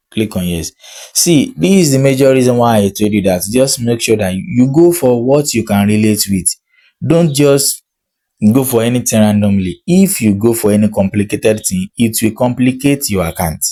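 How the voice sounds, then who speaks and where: A warm, animated man with a medium-pitched voice guides viewers through a screen-share lesson as an online money coach. English isn't his first language; he moves at a moderate pace, reads out what's on screen, and frequently asks "okay?".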